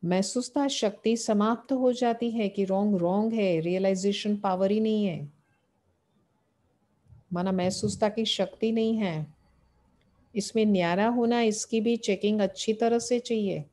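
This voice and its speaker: Woman, devotional sermon, mellow warm tone, rhetorical questions, repeated phrases. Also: mid-range voice, unhurried. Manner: asks rhetorical questions and answers them, repeating key phrases. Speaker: spiritual teacher. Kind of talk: devotional sermon explaining scripture.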